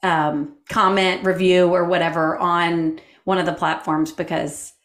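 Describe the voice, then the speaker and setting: A woman co-hosting a podcast, talking in an upbeat way and quick to laugh. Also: on the low side, flat delivery, fairly bright tone. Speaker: podcast co-host. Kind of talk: casual heartfelt conversation. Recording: echoey room with faint music.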